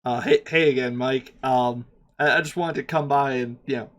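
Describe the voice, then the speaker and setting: A man voicing a friendly male taxi driver in a tabletop role-play, halting and folksy. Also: medium pitch, fairly even intonation, a bit bright, lightly acted. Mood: grateful. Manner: halting, folksy, fumbling for words.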